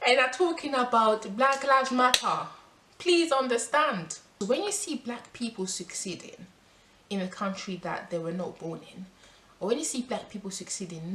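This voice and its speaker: Her voice is fairly high and a bit bright: a French vlogger addressing the camera in earnest. She begins with statistics, then speaks freely with emphasis, stumbling into restarts along the way. The room sounds spacious, and a faint background noise is present.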